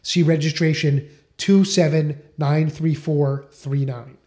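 A middle-aged man presenting a scripted lesson on trademarks, measured and explanatory, reading out registration numbers. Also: a little high, fairly even intonation, warm tone. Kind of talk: scripted educational talk.

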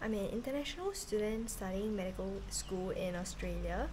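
A woman's voice: medium pitch, expressive, moderate pace. Woman in her thirties from Singapore, casual earnest vlog, arm's-length camera, faint outdoor hum behind. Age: 30s. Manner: chatty, earnest, with many fillers. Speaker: vlogger, medical student. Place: porch of a house, outdoors. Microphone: camera held at arm's length.

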